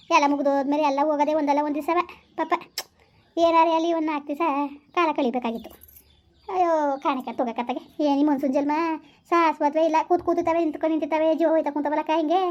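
A woman playing a sharp-tongued middle-aged village woman who sighs and gossips. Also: high voice, highs cut off, close to an everyday voice. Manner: sighing, lamenting, gossipy.

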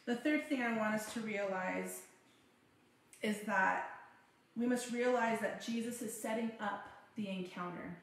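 A woman's voice: medium pitch, measured pace. A woman pastor preaching a fervent sermon, repeating phrases for emphasis. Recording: very echoey room.

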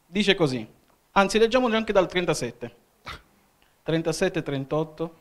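A man's voice: sits high, lively intonation, unhurried, fairly bright tone. A man from Italy leading a church sermon, his voice sitting a little above the usual male range. He keeps checking in with the congregation, asking "Amen?" between his points. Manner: calls out "Amen?" to the congregation often. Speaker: evangelist. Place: church hall.

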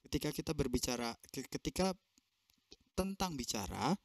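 A man's voice: medium pitch, very animated, moderate pace, no room sound. Male interpreter, dry close sound, phrase-by-phrase interpretation with fillers over a video call. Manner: translates in phrases with fillers and self-corrections. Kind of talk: consecutive interpretation.

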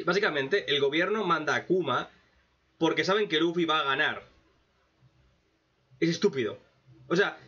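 A man giving a sarcastic, profane anime commentary rant, with mocking asides and sudden loud outbursts. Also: sits high. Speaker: anime reaction youtuber. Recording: dull lo-fi mic.

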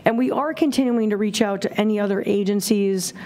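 A woman's voice: medium pitch, brisk, a little mellow. A middle-aged woman presenting findings at a public town committee meeting, speaking plainly and informally, recorded on a desk microphone in a town hall auditorium. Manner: plain, informal, many fillers. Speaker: town services director leading a committee meeting.

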